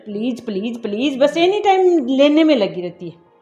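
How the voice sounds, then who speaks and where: A woman plays a bitter stepmother, high-voiced and biting, who hurls insults at her stepdaughter. The sound is dull and lo-fi, with faint music underneath. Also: very animated, normal speed, echoey room. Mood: scolding. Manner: shouting insults, cold and dismissive. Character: harsh scolding stepmother, middle-aged woman. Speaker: actor in a family drama. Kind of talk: amateur family short-film acting. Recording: dull lo-fi audio, soft music.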